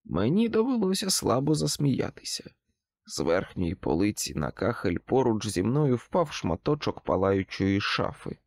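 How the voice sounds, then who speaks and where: Gravelly, expressive male audiobook narrator. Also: on the low side, unhurried, no echo, clean studio sound. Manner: expressive, dramatic reading. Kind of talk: first-person audiobook narration.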